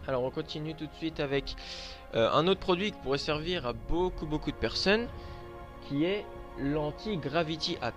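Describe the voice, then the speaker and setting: A man's voice: fairly high pitch, expressive, a little fast, fairly bright tone, soft background music. A man from Lorraine in France, hesitantly presenting his handmade collection in a casual show-and-tell video, with many filler sounds.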